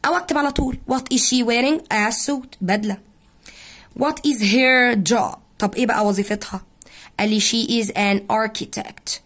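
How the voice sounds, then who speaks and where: A woman with an Egyptian Arabic accent teaching an English lesson to young pupils, drawing out the English words slowly and explaining them quickly in Arabic. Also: medium pitch.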